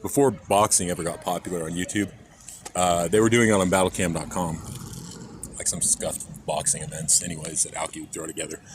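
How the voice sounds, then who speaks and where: Man, from Kansas, IRL streamer, rambling, jokey, low-ish voice, phone mic outdoors, audible traffic noise. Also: steady tone, fairly quick. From Kansas, USA. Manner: rambling, jokey, reads chat aloud. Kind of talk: casual rambling stream chat. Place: outdoors in a parking lot near traffic. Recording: phone recording with clear traffic noise outside.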